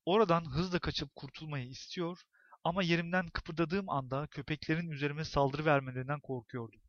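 A man narrating a novel as an audiobook, in expressive, tense storytelling. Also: a little high, normal speed, no room sound, dull audio.

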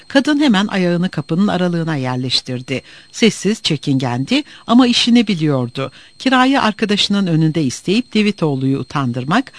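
A man narrating a story with an expressive, dramatic reading. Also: a little high, dry recording.

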